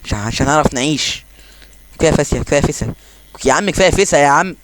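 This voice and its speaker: Fast-talking Egyptian man commenting on gameplay. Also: fairly high pitch, no room sound. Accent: Egyptian Arabic. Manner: excitable, exclaiming and joking while playing. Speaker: gaming channel host.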